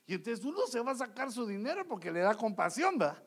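A man's voice: extremely high pitch, quick pace. A man preaching a sermon, acting out everyday scenes with quoted voices. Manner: animated, acts out quoted voices and dialogues.

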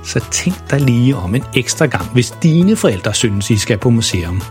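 A man's voice: medium pitch, faint music behind. Playful male children's storyteller. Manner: lively, playful narration.

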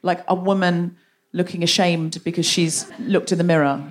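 A woman hosting a casual comedic chat in a jokey, enthusiastic and expressive manner. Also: on the low side, normal speed.

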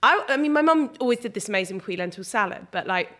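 A woman's voice: mid-range voice, lively intonation, fast talker, fairly bright tone. A woman with a British accent, chatting casually and effusively as an interviewer, informal and a little sweary. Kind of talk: casual chat.

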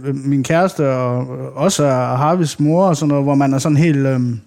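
A man chatting casually about fatherhood, animated and swearing freely, often bursting into loud acted quotes. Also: mid-range voice. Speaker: father on a podcast. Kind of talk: casual chat.

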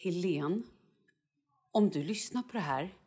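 A woman co-hosting a casual podcast, telling stories in an animated way and acting out what people said. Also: lowish voice, husky. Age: adult, mother. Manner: animated storyteller, acts out quotes. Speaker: podcast co-host. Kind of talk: casual chat.

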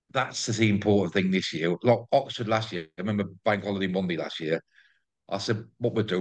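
Interview guest: English man, deep voice, effusive casual chat, repeats himself for emphasis. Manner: effusive, repeats words and phrases. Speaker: interview guest, greyhound track promoter.

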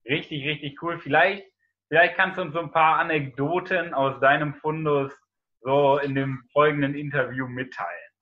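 A man's voice: on the high side, fairly even intonation, moderate pace, narrow, tinny audio, a little hiss or hum. A man hosting an interview, enthusiastic as he introduces his guest. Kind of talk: casual interview talk.

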